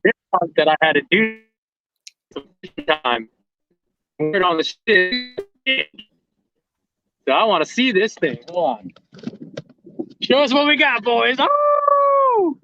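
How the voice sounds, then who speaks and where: A man, a pro angler, chatting in a relaxed, halting way from a boat over a remote link whose stream keeps breaking up. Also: extremely high pitch. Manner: relaxed, halting, lots of fillers. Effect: breaking-up, dropping stream connection. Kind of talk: casual chat over a live remote link. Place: on a boat on the water. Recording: muffled remote stream with background noise.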